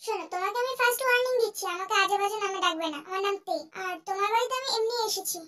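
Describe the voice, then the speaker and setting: A woman voicing a sassy, sharp-tongued young woman, snappy and cheeky, in an amateur comic dub. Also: very high voice, rapid-fire.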